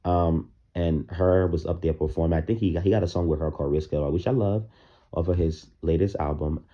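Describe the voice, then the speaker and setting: A man's voice: low voice, fairly even intonation, brisk, dark tone. A man giving casual, opinionated commentary on music, talking loosely with plenty of fillers, in his morning voice. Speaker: music reaction vlogger. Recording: dull lo-fi recording.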